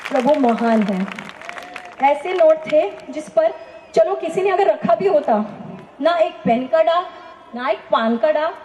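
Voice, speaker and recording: A woman's voice: sits high, animated, slow, a crowd in the background, noisy background. A woman giving a personal testimony in a church talk, telling her story earnestly and asking the listeners rhetorical questions. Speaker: testimony speaker. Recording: echoey, dull lo-fi hall recording.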